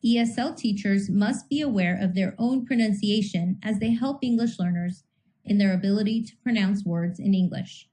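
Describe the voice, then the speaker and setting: A woman reading a scripted teaching lecture in a measured way, slowing down to sound out individual speech sounds. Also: mid-range voice, mellow, rough recording. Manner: measured, slows to sound out phonemes. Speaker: instructor.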